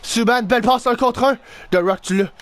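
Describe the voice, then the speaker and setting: A young man with a Québécois French accent calls his hockey video game as he plays it. He talks in a high register and veers between frustrated groans and excited outbursts. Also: moderate pace, no room sound. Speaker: gaming YouTuber. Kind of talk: live gameplay commentary.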